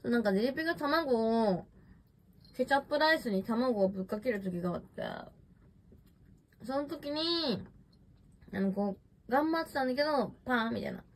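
A young woman livestreams from a messy room at home on her smartphone, eating while she rambles casually and answers viewer comments. Her voice is a little high and expressive, at a moderate pace with frequent pauses.

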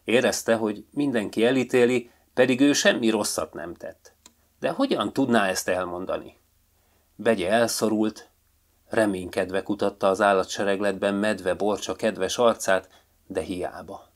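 A man narrating a children's fairy tale from a script, in a calm, even storytelling manner. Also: on the low side.

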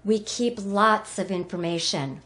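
Upbeat female presenter for an app demo, enthusiastic scripted pitch, mid-pitched. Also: unhurried, a bit bright. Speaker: product presenter. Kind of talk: cheerful scripted product demo.

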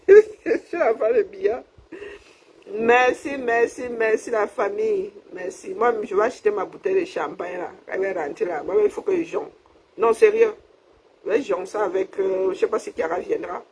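A woman's voice: medium pitch, moderate pace, darkish tone, a little hiss or hum, rough recording. A woman from Cameroon, chatting casually on a livestream, laughing often and thanking her viewers. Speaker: livestream host. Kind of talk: casual live chat with viewers.

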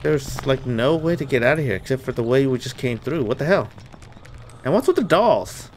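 A man plays a horror game for a let's play, talking to his viewers as he goes, jumpy and nervous and swearing often. His mid-range voice is animated and a little mellow at normal speed, with slight background noise.

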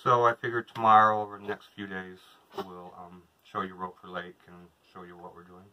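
A man's voice: sits low, steady tone, a little fast, lo-fi sound. A man in his thirties, a vlogger, chatting casually to a camera across from him inside a small trailer. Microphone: camera a couple of metres away.

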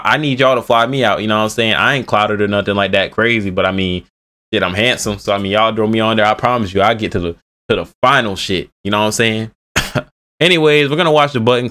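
Young male streamer, twenties, slangy rambling reactor, bright tone, headset mic. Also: fairly low pitch. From Bay Area. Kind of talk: casual reaction commentary.

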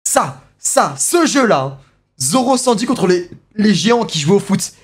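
Young man, streamer, excited reaction commentary, slangy and exclamatory, faint background music. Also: high-pitched, measured pace, slightly rough. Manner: excitable, exclamatory, heavy slang, repeats phrases.

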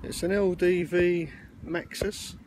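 A British man rambles casually through an outdoor walkaround vlog beside some parked vans, plain-spoken and full of fillers. His voice is high with little pitch movement, he takes his time, and there's noise in the background.

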